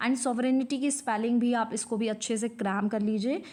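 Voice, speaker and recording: A woman teacher with a slightly high, mellow, steady voice gives a spelling lesson at a moderate pace, mixing English terms into Hindi. She spells words out letter by letter, repeats key words, and checks that students understand.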